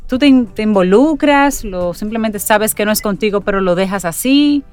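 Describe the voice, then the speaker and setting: A woman's voice: mid-range voice, expressive, normal speed, darkish tone. A woman co-hosting a talk show, asking long reflective questions in a casual conversational way. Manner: asks long reflective questions, frequent "ujú".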